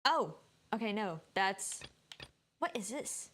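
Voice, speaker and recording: Speaking slowly but very animatedly at medium pitch, a woman streamer gives casual live game commentary, chatting and thinking aloud while sounding a bit tired. The background is noisy, with game music.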